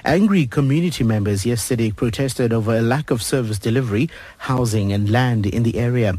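A man's voice: medium pitch, brisk, dark tone, no room sound. A man reading a scripted radio news bulletin.

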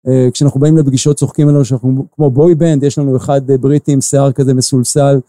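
A man in his forties with an Israeli accent, an investor answering interview questions slowly, with many filler pauses. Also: medium pitch, little pitch movement, dark tone, no echo. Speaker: investor guest.

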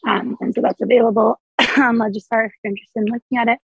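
A woman with a raspy voice, hoarse from laryngitis, giving a spoken report at a meeting as a committee member. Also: a little high, flat delivery, fast talker, no echo, lo-fi sound. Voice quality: raspy, husky.

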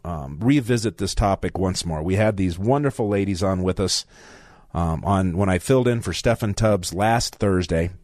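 A man's voice: deep voice, darkish tone, dry recording, studio quality. An older man guest hosting a talk radio show, chatting in a rambling way with asides. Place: radio studio. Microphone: studio mic.

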